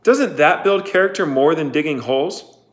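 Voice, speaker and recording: Man playing an earnest reasoning teen, a bit higher. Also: moderate pace, natural voice. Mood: pleading. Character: earnest teenage boy.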